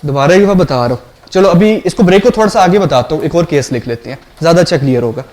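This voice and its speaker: High-voiced man teaching a programming class. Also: lively intonation, fast talker, darkish tone. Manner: explains step by step, asks the class questions and checks understanding. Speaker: programming lecturer. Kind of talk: classroom lecture.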